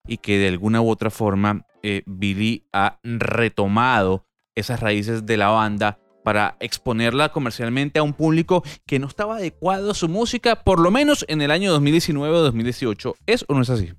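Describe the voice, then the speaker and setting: A man's voice: mid-range voice, moderate pace, clear, resonant tone, no echo. A man hosting a podcast interview from a record shop, talking in a conversational way.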